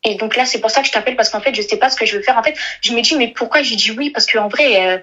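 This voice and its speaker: Fast-talking young woman caller. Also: fairly high pitch, sharp tone, low-quality recording. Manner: rambling, hesitant, many restarts. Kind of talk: emotional phone-in confession.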